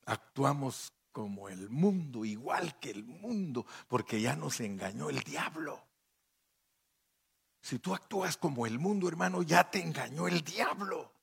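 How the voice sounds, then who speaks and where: A man's voice: fairly high pitch, expressive, a little slow, gravelly, fairly bright tone, husky. A man preaching a fervent sermon in church, calling listeners brother and leading them into prayer. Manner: impassioned, addresses listeners as brother. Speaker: pastor.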